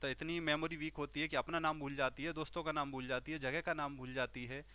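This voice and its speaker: A man's voice: on the high side, quick pace, clear, resonant tone, dry recording. A man with an Indian accent teaching homeopathy through an acted story, often repeating "okay" and speaking in short bursts. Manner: animated, acts out characters, repeats "okay". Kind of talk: storytelling lecture.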